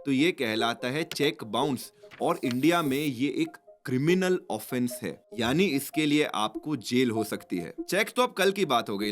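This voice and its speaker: Indian-accented man, mid-range pitch, brisk scripted explainer host, faint background music. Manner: brisk Hindi-English mix with lively emphasis.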